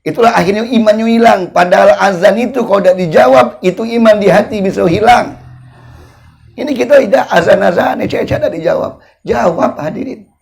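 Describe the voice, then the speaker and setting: A male preacher with a Palembang accent gives a humorous, colloquial sermon at a religious study gathering. His voice sits high and has a gravelly, creaky edge. He drags out his chanted invocations slowly between the jokes. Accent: Palembang Malay. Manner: joking, drawn-out chanted invocations. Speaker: ustadz preacher.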